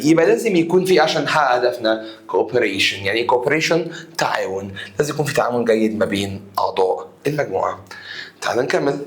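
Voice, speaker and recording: Male Egyptian teacher, slightly raised pitch, emphatic exam-review delivery full of rhetorical questions. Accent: Egyptian Arabic. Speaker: English teacher.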